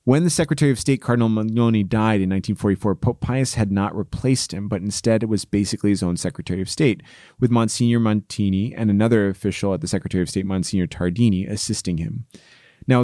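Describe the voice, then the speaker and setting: Low-voiced man narrating history, crisp dry sound. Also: warm tone, no room sound. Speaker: host of a church history series. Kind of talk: prepared historical narration, conversational.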